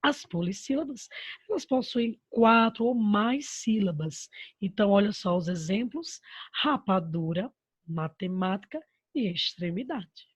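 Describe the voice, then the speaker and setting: A woman's voice: medium pitch, animated, unhurried, husky, dry recording. A woman teaching a primary school grammar lesson over slides with a Brazilian Portuguese accent, patient and affectionate, answering her own rhetorical questions. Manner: patient, addresses pupils with diminutives and "my love".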